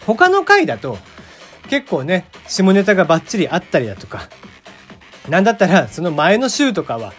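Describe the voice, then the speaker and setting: Lively chatty man in his forties. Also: high voice, normal speed, soft background music. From Kagoshima, Japan. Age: 40s. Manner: rambling and chatty, many fillers, chuckles to himself. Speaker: solo podcast host. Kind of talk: casual radio-style monologue.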